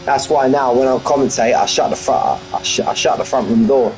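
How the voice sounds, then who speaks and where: A man's voice: mid-range voice, a little fast, darkish tone, faint music behind, rough recording. A man giving live race commentary on a stream from his front room at home, chatty and full of banter with his viewers. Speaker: sim racing commentator.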